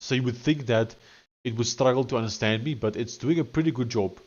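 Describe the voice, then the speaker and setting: A man's voice: mid-range voice, a little fast, a little mellow, muffled recording. A man with a thick Afrikaans South African accent, chatting casually on a coding live stream and dictating instructions.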